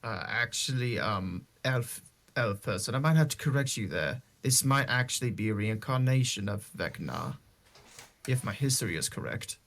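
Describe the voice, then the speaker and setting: A man's voice: mid-range voice, lively intonation, normal speed, fairly bright tone. A man playing a tabletop role-playing game, speaking in casual chat that slips in and out of character.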